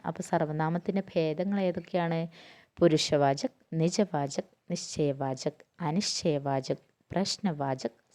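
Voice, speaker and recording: A woman's voice: deep voice, mellow. A woman teaching a grammar lesson, asking herself questions and answering them, going through lists term by term.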